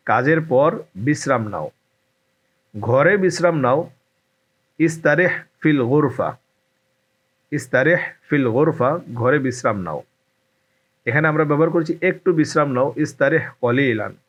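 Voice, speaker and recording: A man teaching Arabic phrases in a slow, repetitive lesson, saying each phrase twice and then giving its meaning. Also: mid-range voice, muffled recording.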